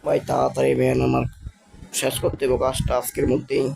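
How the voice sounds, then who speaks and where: A young man, still a school student, commenting casually on his Minecraft build in a halting, stammering way, speaking slowly on purpose. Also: medium pitch, monotone, gravelly, darkish tone. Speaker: gaming channel host.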